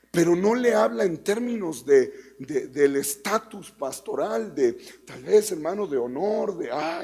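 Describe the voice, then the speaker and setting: A man's voice: sits high, creaky, darkish tone, slightly rough. A man with a Mexican accent preaching a teaching sermon as pastor, emphatic and conversational, repeating key phrases and asking the congregation rhetorical questions. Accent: Mexican Spanish. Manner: conversational, addresses listeners as brother.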